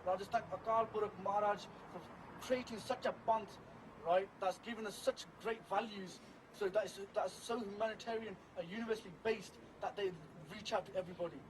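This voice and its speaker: A man's voice: high voice, steady tone, brisk. A young man giving impassioned, off-the-cuff interview answers, emphatic and repetitive, with tag questions and Punjabi phrases mixed into his English. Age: young adult. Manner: emphatic, repeats phrases, frequent tag questions like "right" and "yeah". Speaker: Sikh community member being interviewed. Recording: noisy outdoor recording with traffic.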